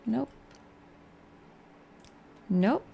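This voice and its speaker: A woman giving casual let's play commentary in a quiet, low-key late-night manner. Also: very slow. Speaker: game streamer.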